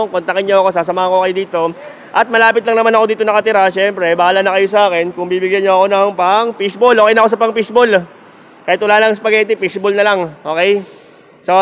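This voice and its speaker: A man's voice: high-pitched, fairly bright tone, smooth. A man with a Filipino accent vlogging a casual walk-through of a used car lot, joking and chatty, with a sore throat. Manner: joking, chatty, laughs often.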